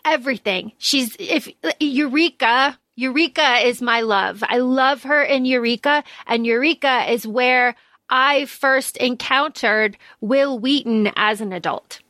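A woman with a high, crisp and bright voice hosts a casual fandom podcast. She talks playfully and with emphasis. The recording is dry, with hardly any room sound. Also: measured pace, dry recording. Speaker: podcast host.

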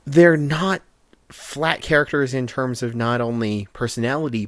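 A podcast co-host with a mid-range voice chats casually and enthusiastically while reviewing a cartoon. He's analytical and often restarts his sentences, and there's no echo on the recording.

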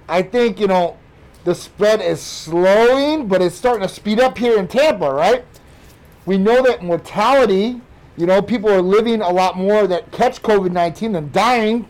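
An American man hosting an energetic talk show, speaking emphatically with his voice muffled by a face mask. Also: high voice. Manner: emphatic, repetitive, addresses listeners as guys. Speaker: podcast host.

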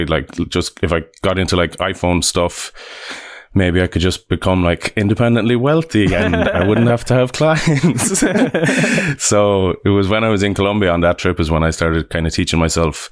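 This Irish developer in his thirties has a deep voice and talks at normal speed as an interview guest. His casual chat wanders, with restarts and jokes at his own expense, and there's no room sound.

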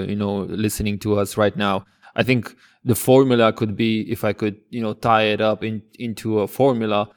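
Low, flat-voiced podcast host man. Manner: halting, many fillers, earnest. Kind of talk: casual interview talk.

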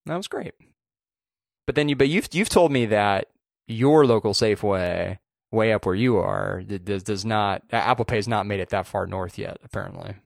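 Low-voiced man in casual tech chat. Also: normal speed, gravelly, dry recording, studio quality. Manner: chatty, restarts phrases often. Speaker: podcast co-host.

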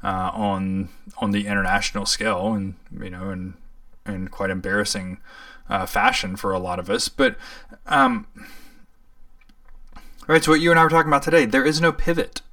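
A man co-hosting a podcast, talking politics in a casual, conversational way with lots of fillers and sudden animated rises in pitch. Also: normal speed, no echo, recorded from a distance. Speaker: podcast co-host.

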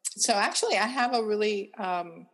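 A woman's voice: medium pitch, moderate pace. A retired woman, a grandmother, born in Cuba, chatting casually as a guest and telling her family story with frequent fillers. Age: older. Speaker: guest author. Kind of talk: casual conversation.

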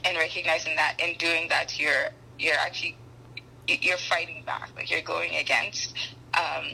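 A young woman who grew up in Ghana, a podcast guest speaking thoughtfully with frequent pauses and restarts. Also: low voice, steady tone, creaky, sharp tone, a little hiss or hum, poor audio. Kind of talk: conversational interview.

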